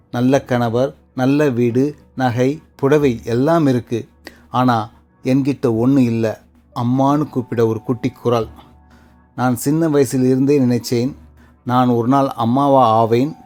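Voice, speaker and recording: Guy reading a sad story, dark mellow voice, slow sorrowful short lines, faint music under it. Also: mid-range voice. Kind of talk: scripted first-person emotional narration.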